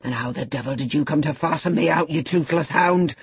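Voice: mid-range voice, brisk, slightly rough, no echo. A reader voicing a brutal, scornful man who barks commands and insults in an audiobook. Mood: furious. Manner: harsh, commanding, contemptuous. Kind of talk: audiobook character voice.

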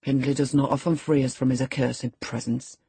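A morose, jealous teenage labourer boy played by a woman narrator from a classic storybook. The voice is low and very husky, surly and insistent in its delivery. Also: steady tone, normal speed, mellow, no room sound, heavily acted. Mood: sullen, stubborn. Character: sullen, morose, jealous sixteen-year-old boy, rough farm labourer.

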